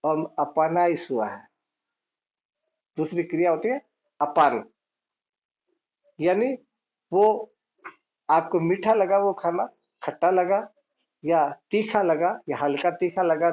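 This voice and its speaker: A man's voice: fairly high pitch, lively intonation, slow pace, pauses often, a little mellow. Hindi-speaking male spiritual teacher, lo-fi. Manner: patient, explanatory, repeats points, chants mantras. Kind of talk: devotional teaching.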